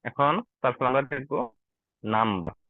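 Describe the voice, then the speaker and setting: A man's voice: mid-range voice, moderate pace, dry recording. A man teaching an online German class to Bengali speakers. He is patient and often checks that his learners follow. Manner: patient, asks learners "ঠিক আছে?" often. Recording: tinny, dry online call audio.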